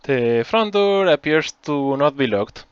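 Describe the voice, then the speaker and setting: Man, game master, slow casual narration, lo-fi dry mic. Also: a little high, expressive, clean tone, no room sound. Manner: slow, casual scene description.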